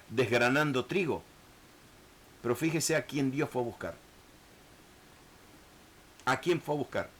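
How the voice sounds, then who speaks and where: A man teaching a Bible lesson in an earnest, halting way, often restarting words and acting out the people in the text. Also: mid-range voice, fairly bright tone. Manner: earnest, repetitive, many hesitations and restarts; acts out biblical speakers in shifting voices.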